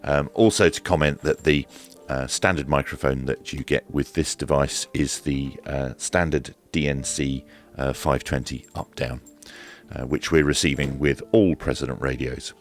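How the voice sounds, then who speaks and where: Speaking in a bass voice with a steady tone at a moderate pace, a British man presents a product review, chatting informally as he unboxes and demonstrates it. Faint music plays behind him.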